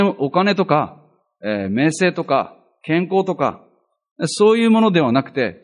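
A man preaching in a relaxed, conversational way. His fairly high voice rises and falls a lot as he explains scripture. He is earnest and often pokes fun at himself. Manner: earnest, self-deprecating, chatty asides. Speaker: pastor. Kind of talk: conversational Bible teaching.

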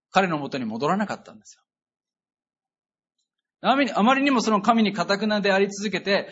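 A man preaching a sermon in an earnest, emphatic way, often pausing on fillers. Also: high-pitched, fairly bright tone, slightly rough, muffled recording. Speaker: pastor.

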